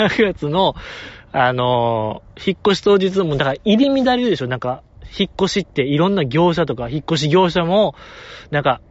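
A man's voice: a little high, no room sound. A man hosting a podcast in casual chat, joking and playful. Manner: animated, joking, playful put-on voices in quoted asides. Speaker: podcast host. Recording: dry, dull lo-fi podcast audio.

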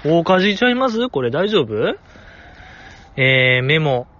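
A man's voice: fairly high pitch, very animated, slow, a bit bright, dull audio, a little hiss or hum. A man with a Kansai accent talking casually outdoors, reviewing voice performances and playfully acting out the lines he quotes. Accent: Kansai Japanese. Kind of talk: casual solo talk. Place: outdoors in the cold.

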